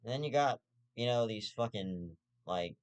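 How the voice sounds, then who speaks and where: A man's voice: medium pitch, lively intonation, unhurried. A young man hosting his own show, ranting in profane, rambling casual commentary with stammered restarts and half-joking asides.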